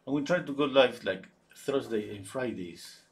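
A livestream host speaks in a mid-range voice at normal speed while working on an oil painting. He thinks out loud, answers what viewers type in chat, and keeps restarting sentences.

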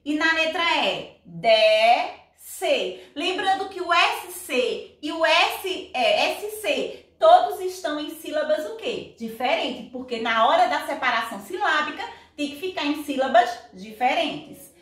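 A woman's voice: high voice, expressive, measured pace, few pauses, a bit bright. A woman teacher, patiently going over a lesson and often asking the class whether they follow. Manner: patient, checks understanding with repeated questions. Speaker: Portuguese teacher. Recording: echoey room from a distance.

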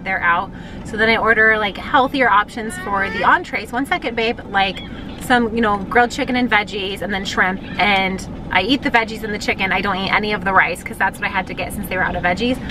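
A woman in her thirties with a mid-range voice vlogs casually from a parked car and a hotel room, rambling with lots of fillers. She holds the camera at arm's length, and there's background noise.

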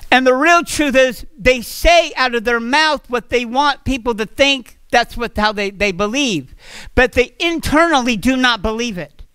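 A man's voice: extremely high pitch, unhurried, bright, forceful tone, clean tone, no echo. A man preaching a sermon at a church fellowship, earnest and repeating phrases as he goes.

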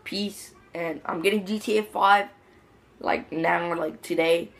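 A man's voice: sits high, steady tone, a little slow, vocal fry, fairly bright tone. A teenage boy vlogging casually into his phone, telling a story in rambling slang full of "like". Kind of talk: casual story time vlog. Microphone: phone mic.

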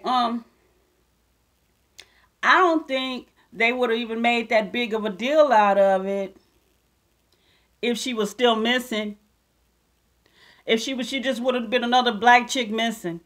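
A woman delivering a fiery vlog rant, mocking her critics one moment and preaching scripture the next. Her voice sits on the higher side for a woman, and her tone is combative and sure of itself. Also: a bit bright. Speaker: self-styled prophetess vlogger. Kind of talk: ranting commentary and scripture reading.

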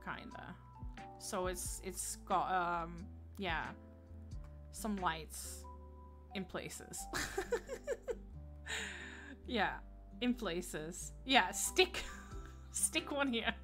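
A woman's voice: medium pitch, slow pace, long pauses, music in the background. A woman with a Dutch accent chatting casually on a gaming livestream, giggling often and greeting viewers by name.

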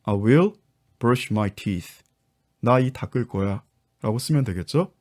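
A man's voice: medium pitch, lively intonation, takes it slowly, a little mellow. A man teaching an online English lesson, patiently explaining step by step to his viewers. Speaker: English teacher and book author.

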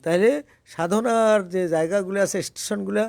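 A man's voice: high voice, gravelly, darkish tone. A man who teaches a small group about prayer and mantra practice, asking them questions as he goes. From Bangladesh. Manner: explains by asking questions, then chants slowly. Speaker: religious teacher.

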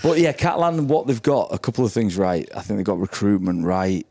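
Blunt, sweary ex-player pundit, low voice. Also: male voice, fairly quick, a little mellow, breathy edge. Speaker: podcast pundit, former player. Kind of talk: live podcast chat. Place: brewery taproom, live audience.

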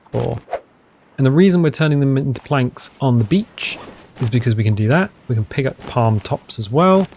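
An English-accented man hosting a survival game playthrough, talking casually and joking at his own expense. His voice swings freely up and down in pitch, and faint music plays underneath. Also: a little mellow. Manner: chatty, playful, self-mocking asides. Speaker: gaming channel host. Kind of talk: let's play commentary.

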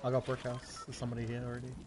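Chill kiwi dude gaming, broad nz accent, middle pitch, music in the background. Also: male voice, monotone, very fast, crowd noise. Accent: broad New Zealand. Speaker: gamer, streamer. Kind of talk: casual gaming chat.

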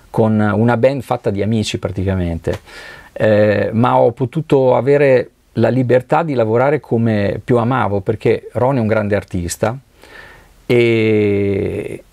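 A middle-aged man from Italy speaks in a low, gravelly voice with a dark, mellow tone. He answers interview questions reflectively, pausing and restarting while he searches for words. The sound is dry and close, as in a recording studio. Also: dry recording. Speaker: session drummer, interview guest. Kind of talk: relaxed conversational interview.

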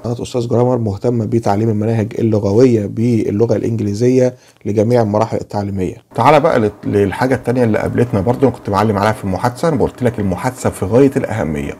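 A man with an Egyptian Arabic accent teaching English grammar to children, asking and answering his own questions and drilling English phrases slowly. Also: lowish voice, dark tone, slight background noise.

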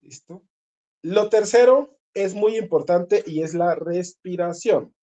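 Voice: mid-range voice, slow, warm tone, lo-fi sound. A singing teacher leading a group voice lesson, explaining patiently, repeating key points and checking in with the listeners.

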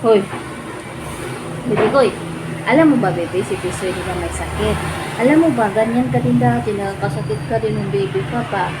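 A young woman chatting to her pet in teasing, sing-song baby talk that jumps up high when she coaxes it. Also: brisk, long pauses. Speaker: pet vlogger. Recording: loud background noise.

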